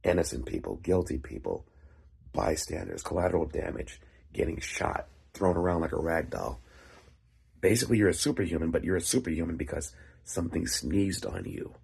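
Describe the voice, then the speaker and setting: Deep, gravelly man telling a story. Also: big pitch swings, a little mellow. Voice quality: gravelly, husky, phlegmy. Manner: halting, pausing in short phrases. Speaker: writer and vlog host. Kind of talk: casual rambling storytelling monologue.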